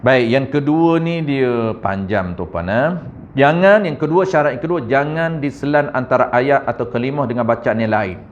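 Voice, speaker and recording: A man's voice: mid-range voice, lively intonation. Malaysian man teaching Quran recitation. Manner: corrective, demonstrates recitation slowly, drawn out; addresses audience as tuan-tuan, frequent "ha". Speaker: religious teacher. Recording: muffled lo-fi recording.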